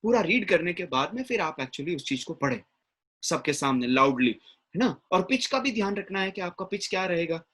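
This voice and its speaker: A man's voice: high-pitched, sing-song, moderate pace, fairly bright tone, slightly rough. A man giving a classroom lecture as an English teacher, often checking in with his listeners. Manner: mixes English words into explanation, frequent "ठीक है ना?" check-ins.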